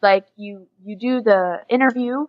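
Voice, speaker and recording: In a measured, mid-range voice with the highs cut off, a teenage girl from a small Oklahoma town chats casually as an interview guest. She's an American exchange student who talks informally and says "like" often.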